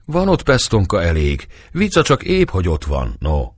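A man's voice: low-pitched, wildly swooping pitch, no echo, studio quality, exaggerated voice. A man voicing an uneasy, defensive older nobleman in a storybook reading, giving curt answers.

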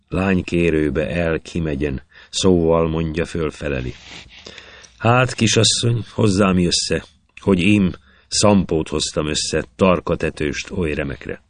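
A man reciting epic verse as narrator, in a measured, rhythmic way. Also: rumbling low, dry recording.

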